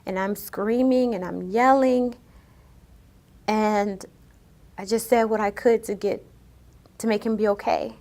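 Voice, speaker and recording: A woman speaks in a news interview, recounting her own experience in a soft, emotional voice. She often falls quiet, her words sinking low and subdued as she tells her story. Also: fairly even intonation, measured pace, long pauses. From United States. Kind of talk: personal account in a news interview.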